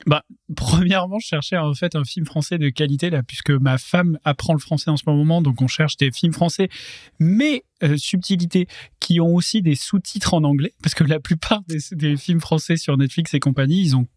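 A man's voice: a little high, normal speed, no echo, clean studio sound. A man co-hosting a casual podcast, talking loosely with many fillers. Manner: relaxed, many fillers, chatty. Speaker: podcast co-host. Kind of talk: casual chat.

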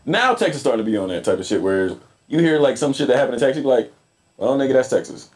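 A man co-hosting a casual podcast chat, joking and swearing as he riffs on sports and news. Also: medium pitch. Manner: animated, joking, profane, quick.

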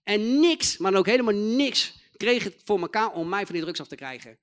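A man preaching a testimony sermon in slangy, emphatic talk, repeating his phrases and building to loud proclaiming. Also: sits high, expressive, brisk, smooth.

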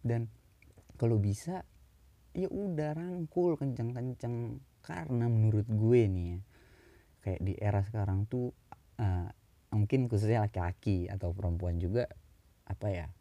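A young man talking casually to the camera, slangy and animated, sometimes jumping up high for mock pleading. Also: unhurried, long pauses, dry recording, highs cut off. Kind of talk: casual monologue.

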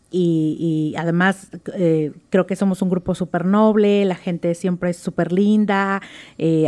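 A woman's voice: fairly low pitch, darkish tone. A woman from Oaxaca with a Mexican accent, guesting on a radio interview and talking with gushing enthusiasm. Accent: Mexican Spanish. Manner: effusive and enthusiastic, stresses words like "super". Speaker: interview guest, writing group member.

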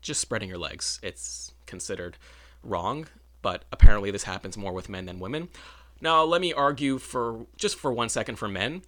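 A man chats in a loose, rambling monologue, stopping to correct himself and tossing in wry asides. His voice sits fairly low. It carries a bright, forceful edge. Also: moderate pace. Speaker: vlogger. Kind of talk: casual monologue.

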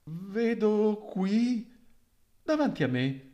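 A man voicing a funeral mourner giving a slow, sarcastic mock eulogy. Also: sits high, big pitch swings, dark tone, echoey room, pitched above the performer's own voice, exaggerated voice.

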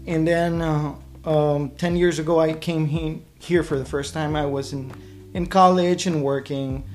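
A man's voice: on the high side, fairly even intonation, measured pace, a little mellow, soft background music. A man from Mexico with a Mexican accent, a friendly interview guest who thinks aloud, with frequent ums and restarts. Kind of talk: casual interview.

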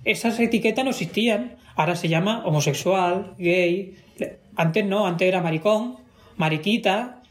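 A man's voice: sits high, normal speed. A man with a Spanish accent talking in a casual conversation, emphatic and given to repeating himself for stress. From Spain.

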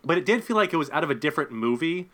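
A young man co-hosting a podcast, chatting casually about a movie with wry, dry humor and halting restarts. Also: on the high side, expressive, fairly bright tone. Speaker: podcast co-host. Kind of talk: casual movie review chat.

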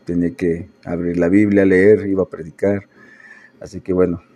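A man's voice: sits low, flat delivery, moderate pace, dark tone. A man, a preacher telling a personal story in a loose, conversational way with many fillers and restarts. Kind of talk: personal testimony talk.

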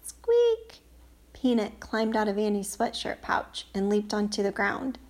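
A woman's voice: medium pitch, level tone, moderate pace. A woman reading a children's storybook aloud, lifting her voice for the characters' lines. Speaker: audiobook reader. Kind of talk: storybook narration.

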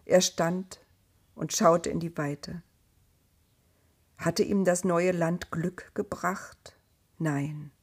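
A woman reading a storybook tale aloud in a calm, measured, gently expressive way. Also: fairly low pitch, breathy edge. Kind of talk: scripted storybook narration.

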